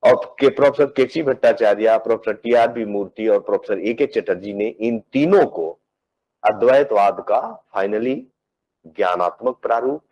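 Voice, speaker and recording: Man giving a measured philosophy lecture. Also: on the low side, darkish tone, muffled recording. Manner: measured and explanatory, often repeating words while searching for phrasing; mixes English technical terms into his speech. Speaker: philosophy professor. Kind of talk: academic lecture.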